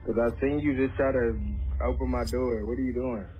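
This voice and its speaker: A man's voice: mid-range voice, fairly even intonation, normal speed, slight background noise. A man confronting a stranger through a doorbell camera speaker, blunt and direct, in dull lo-fi audio. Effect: heard through a doorbell camera speaker.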